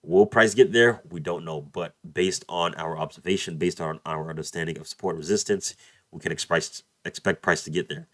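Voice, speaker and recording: A trading tutor with an extremely low, deep voice does a screen-share walkthrough of price charts, talking into a desk mic at his computer. He's just getting over a cold, so his voice is a bit off, yet it comes across moderately paced and slightly bright with no room sound. He calls his audience "you guys" and keeps repeating "beautiful" and "let's play this out."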